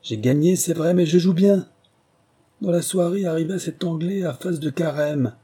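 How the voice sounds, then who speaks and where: A man reading the part of an arrogant, brutal man posing as a prince, loud and threatening. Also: fairly high pitch, expressive, normal speed, slightly rough, voice pushed up. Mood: boastful.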